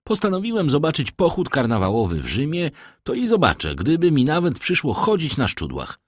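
A man reading an audiobook, voicing an impetuous, stubborn young gentleman who speaks in exclamations. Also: fairly high pitch, wildly swooping pitch, fairly quick, no room sound, clean studio sound, voice pushed up. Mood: excited.

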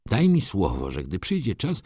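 A man's voice: low voice, huge pitch swings, normal speed, dark tone, breathy edge, no echo, clean studio sound, heavily acted. A man voicing an old male clerk, dreamy yet blunt, who talks insistently. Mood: wistful. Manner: pressing, insistent.

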